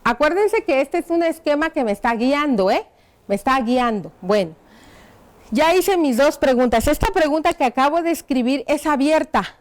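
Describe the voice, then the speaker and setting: A woman teaching a primary school lesson on television, dictating slowly as she writes on a board and checking in with the children through frequent tag questions. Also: high voice, lively intonation. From Mexico. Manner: slow, careful dictation while writing on a board.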